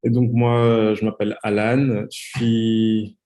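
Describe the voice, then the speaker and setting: A man in his twenties from the Democratic Republic of the Congo appears as a podcast guest, telling his story in casual interview talk. He speaks a little slowly, in a low, level, dark-toned voice, and sounds hesitant, with many fillers.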